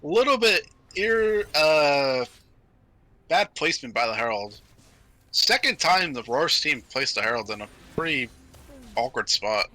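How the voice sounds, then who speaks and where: A man casting a video game match, talking through the action in brisk, analytical play-by-play with frequent fillers. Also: on the high side, sing-song, pushed and bright. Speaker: esports caster. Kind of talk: play-by-play commentary.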